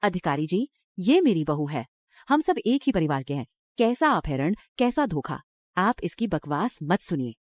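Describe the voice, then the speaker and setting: Cast a cruel middle-aged village mother-in-law, harsh and threatening, lively pitch. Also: moderate pace, dry recording, clean studio sound. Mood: defensive. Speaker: dubbing actor. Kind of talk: Hindi drama dub.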